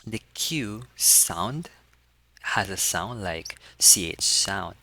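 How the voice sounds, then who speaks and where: A man's voice: deep voice, animated, drawn-out words, sharp tone, no room sound. A man giving a casual lesson, patiently demonstrating and repeating sounds for learners to copy. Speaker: language tutor. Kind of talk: casual teaching walkthrough.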